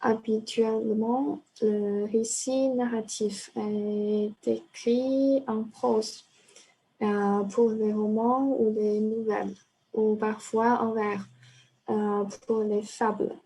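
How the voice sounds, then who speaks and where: Very slow, dark-voiced student reader. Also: female voice, on the high side, level tone, husky, poor audio. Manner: halting reading with fillers. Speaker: student reading aloud.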